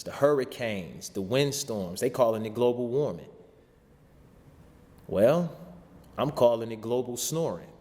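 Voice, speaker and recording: The voice is a man's, medium-pitched with a darkish tone. As host and spiritual teacher, he gives a fervent, sermon-style talk in casual language full of rhetorical repetition, heard through a long, hall-like reverb.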